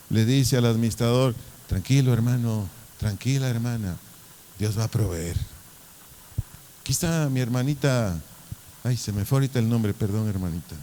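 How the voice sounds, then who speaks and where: Male pastor, mellow tone, chatty sermon delivery with his own questions and answers. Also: mid-range voice, slight background noise. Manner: conversational, asks questions and answers them.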